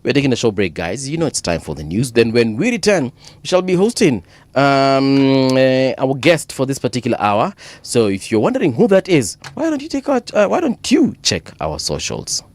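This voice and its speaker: A man's voice: mid-range voice, huge pitch swings, normal speed, darkish tone, no echo. A man with a Kenyan accent hosting a casual live radio show, chattily reading out listener messages and switching between English and Swahili. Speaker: radio host.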